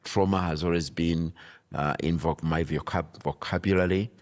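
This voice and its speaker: A man from Uganda, a bishop speaking as a podcast guest in a reflective, deliberate way, often pausing to search for words. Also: sits low, steady tone. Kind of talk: reflective conversation.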